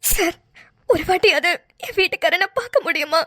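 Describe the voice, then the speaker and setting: A woman's voice: extremely high pitch, normal speed, pushed and bright, dry recording, studio quality. A woman voicing a frightened young wife who tearfully pleads for her husband in a cartoon. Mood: pleading.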